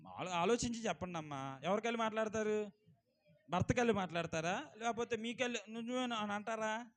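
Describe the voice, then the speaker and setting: A male pastor preaching a sermon, swinging from loud exclamations to quiet asides and asking the congregation questions. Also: high voice, animated, fairly quick. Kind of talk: Telugu church sermon.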